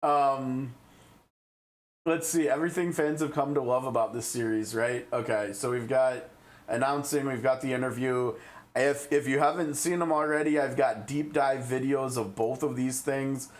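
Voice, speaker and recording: A man's voice: medium pitch, steady tone, moderate pace. A man with a Midwestern American accent, chatting casually on a live game stream and thinking aloud as he reads. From Midwestern United States.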